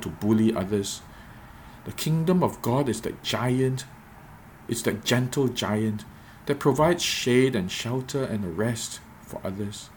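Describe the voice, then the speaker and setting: A man giving a reflective devotional podcast talk as a preacher, measured and repeating phrases for emphasis. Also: medium pitch, slight background noise.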